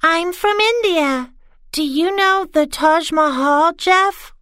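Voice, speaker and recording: A woman voicing a young schoolgirl in a textbook listening dialogue, speaking slowly and very clearly. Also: very high-pitched, fairly bright tone, no room sound, clean studio sound, exaggerated voice. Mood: cheerful. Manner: slow, deliberate, very clear. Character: young schoolgirl pupil introducing herself. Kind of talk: slow scripted textbook dialogue.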